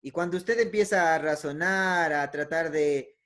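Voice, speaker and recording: At a measured pace, a man with a fairly high, slightly bright voice talks conversationally about emotions, teaching as he goes. He leans on "eh" fillers, makes self-corrections, and frequently tacks a questioning "¿no?" onto his phrases.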